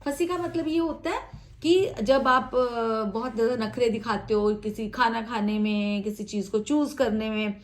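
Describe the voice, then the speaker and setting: A woman teaching spoken English in a chatty, encouraging way, reading English example sentences slowly and with exaggeration. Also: a little high, steady tone.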